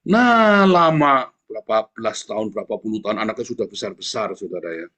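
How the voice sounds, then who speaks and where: A middle-aged male pastor preaching a sermon in a blunt, combative way, with lively swings in his delivery. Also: fairly low pitch, a little fast.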